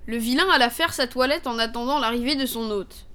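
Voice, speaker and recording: High-voiced woman reading a fable. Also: a little fast, pushed and bright, smooth. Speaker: narrator.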